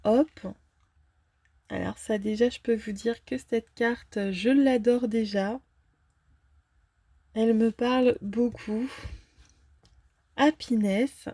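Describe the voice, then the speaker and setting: A woman casually unboxing and reviewing a fortune-telling card deck, talking hesitantly with many filler pauses. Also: fairly high pitch, fairly even intonation, warm tone, no echo.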